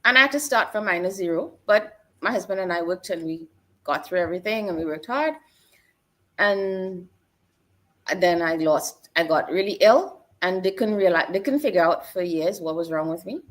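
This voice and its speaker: Her voice is fairly low in pitch, animated, and at normal speed. In this reflective interview, a middle-aged woman from Trinidad and Tobago shares her life story with earnest, personal storytelling, circling back to repeated phrases.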